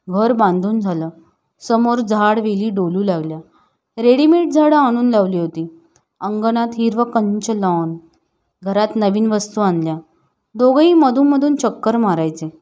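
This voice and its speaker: A woman narrating an emotional family story in a calm, steady reading voice. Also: mid-range voice.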